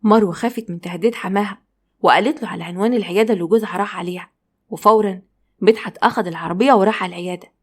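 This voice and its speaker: Fast-reading Egyptian woman storyteller. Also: medium pitch. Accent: Egyptian Arabic. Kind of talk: scripted narration.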